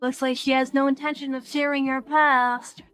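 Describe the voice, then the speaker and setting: High-voiced woman reading game text. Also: little pitch movement, moderate pace, fairly bright tone, soft background music. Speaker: let's play streamer.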